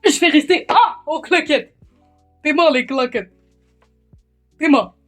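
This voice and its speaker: A woman's voice: sits high, slow, a bit bright, no echo, faint music behind. Chatty young woman vlogging on a phone. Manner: rambling, self-mocking and chatty. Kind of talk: casual vlog chat. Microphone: handheld phone.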